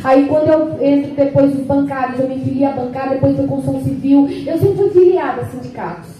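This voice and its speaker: In a noisy, echoey meeting hall, a union founder in her sixties gives emotional personal testimony, her high, mellow voice heard from a distance. She speaks a little fast, candid and at times tearful.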